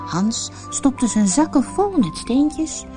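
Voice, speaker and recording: A woman narrating a fairy tale in an expressive, dramatic storybook style. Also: high voice, slow, music in the background.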